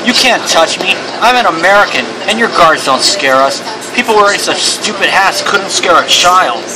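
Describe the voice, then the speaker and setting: A man plays a cheeky American detective in a crime game, blunt and sarcastic. The voice is slightly high, recorded with clear background noise. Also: lively intonation, normal speed. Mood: defiant. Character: brash, sarcastic American male police detective.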